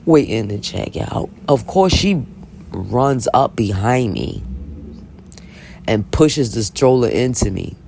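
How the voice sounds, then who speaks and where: Woman, vlogger, casual storytelling, blunt, gravelly, lively pitch. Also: slow pace, a little hiss or hum. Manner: chatty, animated, constantly asks "right?"; blunt and unapologetic. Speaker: Bible reading vlogger.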